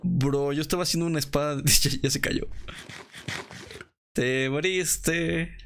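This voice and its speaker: A young man with a Mexican accent giving excitable, slangy commentary while playing a game and laughing often. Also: on the high side, quick pace, a little hiss or hum. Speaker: gaming video creator. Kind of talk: casual gameplay commentary.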